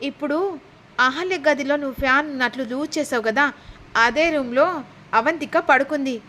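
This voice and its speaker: A woman's voice: high-pitched, normal speed, fairly bright tone, slight background noise. A woman voicing an anxious, scheming old grandmother in a retold serial, urgent and scolding.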